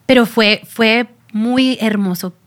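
A woman pastor in casual podcast chat who tells her stories in an animated way and uses frequent fillers. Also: a little high, takes it slowly.

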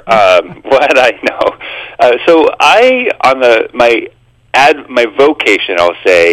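A man speaking conversationally as an interview guest, halting a little as he thinks aloud. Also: deep voice, fairly bright tone, dry recording, poor audio. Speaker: guest, author and organizational consultant.

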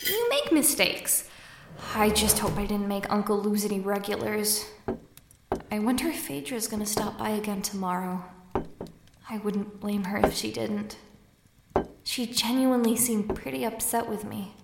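Woman playing young tavern girl, kinda high voice, slow n hesitant, earnest fantasy drama, bit echoey. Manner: hesitant, musing, self-doubting. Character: awkward, earnest, unsure young barmaid at uncle's tavern. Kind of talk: fantasy audio drama acting. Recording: roomy echo, faint background noise.

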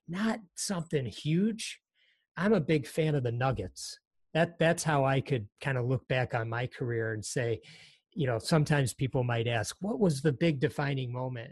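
A middle-aged man speaking as a podcast guest, thoughtful and unhurried, often saying "you know". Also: mid-range voice, dry recording. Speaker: guest, company president. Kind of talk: reflective interview talk.

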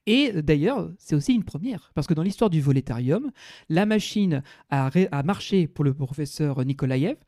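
A man's voice: fairly high pitch, lively intonation, moderate pace, mellow, no echo, clean studio sound. A man on a podcast, describing a theme park ride at length with frequent hesitations. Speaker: podcast co-host. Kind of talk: casual podcast discussion.

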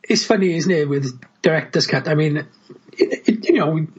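A man's voice: on the high side, lively intonation, normal speed, breathy edge, dull audio. A man talking about films as a podcast guest, enthusiastic, swearing casually and tacking on tag questions. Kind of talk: casual film chat.

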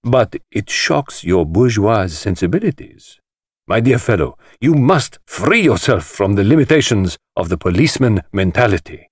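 In a dramatised mystery audiobook, a flamboyant, sinister middle-aged male party host speaks in a theatrical, sing-song drawl that swoops extravagantly high and low, hissing with mockery. His tone is mocking and persuasive, at normal speed and slightly rough, recorded close and dry with no room sound.

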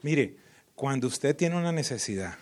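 A man preaching a sermon as a pastor, lively and full of sudden loud rises and teasing impressions of worshippers. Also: medium pitch, normal speed.

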